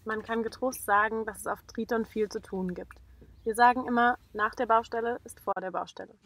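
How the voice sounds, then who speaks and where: A woman's voice: on the high side, steady tone, brisk, a bit bright. A young woman narrating a sailing vlog voice-over in a frank, outspoken and critical way.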